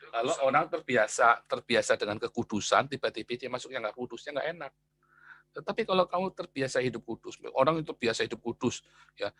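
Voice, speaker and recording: Animated, exclamatory male preacher. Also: mid-range voice. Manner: animated and exclamatory, with frequent interjections and chuckles. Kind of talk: casual sermon.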